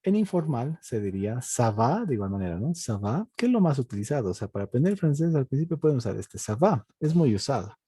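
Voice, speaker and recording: A man teaching an online language lesson, explaining patiently and repetitively, often checking in with tag questions and slowing down to model pronunciations. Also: mid-range voice, very animated, mellow, slightly rough. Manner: slow, drawn-out model pronunciations. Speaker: French teacher.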